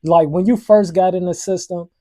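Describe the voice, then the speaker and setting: A man's voice: high-pitched, fairly even intonation, moderate pace, dark tone, no echo, clean studio sound. An American man interviewing in a casual, reflective way, repeating words as he frames his questions.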